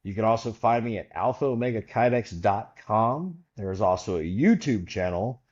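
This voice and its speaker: A man's voice: lowish voice, moderate pace, breathy edge, lo-fi sound. A man guest on a podcast, telling a long story casually and acting out the voices of the people in it. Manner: animated storyteller, acts out quoted voices.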